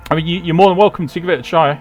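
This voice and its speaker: A man's voice: fairly high pitch, steady tone, racing. A man running a tabletop game as game master, narrating in a hesitant way as if thinking aloud. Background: music.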